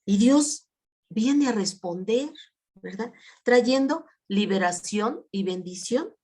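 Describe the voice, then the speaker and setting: A woman's voice: on the high side, animated, slow pace, darkish tone, husky. A middle-aged woman preaching a sermon in a conversational way, often asking for agreement and repeating words as she acts out sample prayers.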